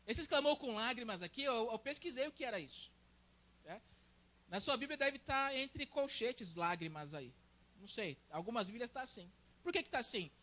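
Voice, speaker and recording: A young man with a Brazilian Portuguese accent preaches a sermon. His voice sits very high and sounds bright and forceful. He talks like a friendly conversation and keeps checking in with "né?". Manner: conversational, tags sentences with "né?".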